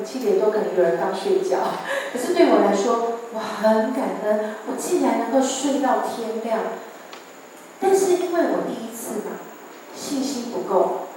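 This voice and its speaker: A woman's voice: a little high, slight background noise. Echoey Taiwanese woman giving church testimony. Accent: Taiwanese Mandarin. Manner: lively storytelling, asks the audience questions. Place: large church hall. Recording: echoey church hall from far off.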